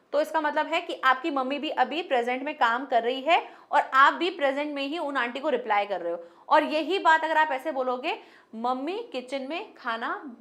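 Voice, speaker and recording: A woman's voice: high-pitched, pushed and bright. A young woman teaching Hindi grammar to students online. She works through everyday example sentences and mixes English words into her Hindi.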